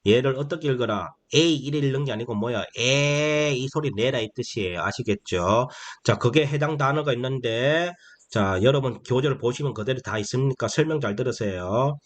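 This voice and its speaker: A man teaching English phonics to beginners in a slow, explanatory way. He keeps asking questions and answering them himself, and he drags out the key phrases. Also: medium pitch. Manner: repetitive, asks and answers his own questions; drawls key phrases slowly.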